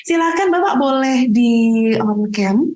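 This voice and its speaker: A woman moderates an online question-and-answer session and politely hands each question to the doctor. Her voice sits a little high. It reaches the listener through a video call with a roomy echo. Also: animated, a little slow, a little mellow. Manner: polite, reads out questions and passes them to the doctor. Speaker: webinar moderator. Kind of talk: online webinar Q&A.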